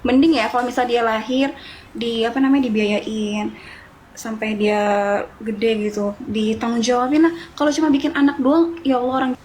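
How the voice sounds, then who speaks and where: A woman's voice: a little high, level tone, normal speed, darkish tone, slight background noise. A woman chatting casually, sharing gossip in a sympathetic tone.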